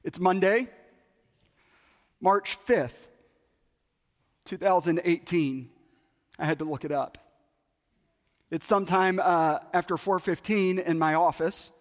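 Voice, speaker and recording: A man's voice: high voice, slow, long pauses. A man preaching a sermon, animatedly telling a story and acting out both sides of a conversation. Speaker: pastor. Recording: long hall reverb.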